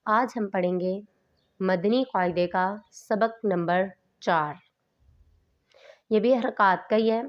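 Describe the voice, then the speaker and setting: Woman teacher, patient, careful letter-by-letter recitation, mid-pitched voice, slightly dull recording. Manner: patient, enunciates letter sounds one by one. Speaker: Quran reading teacher. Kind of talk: slow instructional recitation lesson.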